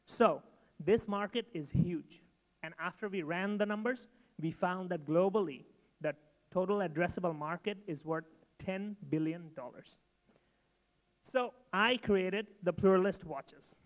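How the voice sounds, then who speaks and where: A man from Bangladesh giving a rehearsed startup pitch to an audience, emphatic and direct. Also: unhurried. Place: event hall. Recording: long hall reverb.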